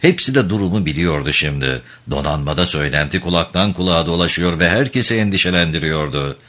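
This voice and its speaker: A man reading a historical novel aloud, with a very low voice that still rises and falls a great deal. His delivery is dramatic narration that swells with the story's big moments. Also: expressive, fast talker, a bit bright. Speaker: audiobook narrator.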